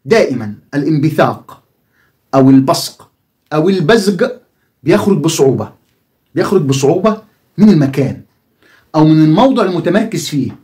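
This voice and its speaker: An Egyptian man teaches a lesson with a fairly high voice that rises and falls a great deal. He keeps putting questions to the viewer and then answers them himself. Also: animated, brisk, long pauses, darkish tone. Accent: Egyptian Arabic. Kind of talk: explanatory video lesson.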